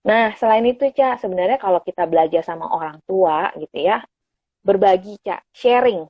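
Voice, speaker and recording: Casual chat, woman giving parenting tips, slightly husky, dry lo-fi live audio. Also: medium pitch, animated, brisk, no room sound. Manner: patient and explanatory, often calls the host by name; casual conversational speech with fillers. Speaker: child psychologist guest. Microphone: phone on an Instagram live stream. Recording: dull lo-fi stream audio.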